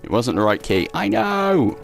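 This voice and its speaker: A young man with a fairly high, gravelly voice hosts a let's play, taking his time as his pitch swings widely. He chats casually through a horror game, reads the in-game notes aloud, and swears at the game with plenty of sarcasm. Faint game music plays underneath.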